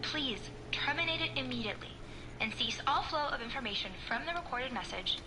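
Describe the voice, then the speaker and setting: A woman's voice: sits high, expressive, fairly quick, noisy background. A woman playing a polite, impersonal announcer of a recorded phone message in a video game, speaking formally. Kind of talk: scripted announcement.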